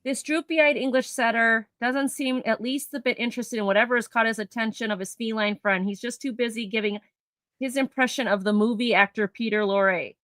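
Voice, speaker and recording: A woman with a bright, forceful voice, a touch higher than most, hosts a live vintage sale. She chats casually and reads tabloid headlines aloud. The sound is dry and close. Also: steady tone, fairly quick, no room sound. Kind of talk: casual live-stream chat and reading aloud.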